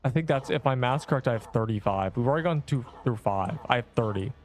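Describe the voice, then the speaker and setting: A young man streaming a game, chatting along in a casual, excitable way with gamer slang. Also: medium pitch, fast talker, faint music behind. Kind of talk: casual livestream commentary.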